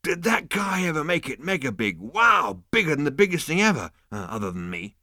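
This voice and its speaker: A man's voice: a little high, sing-song, a little fast, sharp tone, no echo, studio quality, voice pushed up. A man reading aloud and voicing a brash, boastful, tipsy male alien adventurer, talking big and showing off. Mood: amazed. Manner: swaggering, showy, tipsy.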